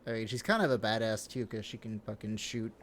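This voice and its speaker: A man's voice: fairly low pitch, a little fast, a little hiss or hum. A young man co-hosting a casual podcast, rambling with lots of fillers and casual swearing. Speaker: podcast co-host.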